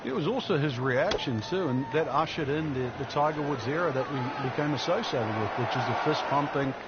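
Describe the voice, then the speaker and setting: A man working as a golf commentator and analyst, explaining the course in a measured way. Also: medium pitch. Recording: dull audio, loud crowd and outdoor noise. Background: golf crowd and outdoor ambience.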